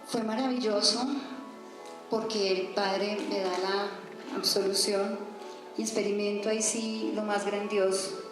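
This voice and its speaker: A woman's voice: medium pitch, flat delivery, measured pace. A woman giving an earnest, emotional religious testimony. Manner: earnest, rising to pleading cries when reliving moments. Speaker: testimony speaker. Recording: very echoey room with faint music.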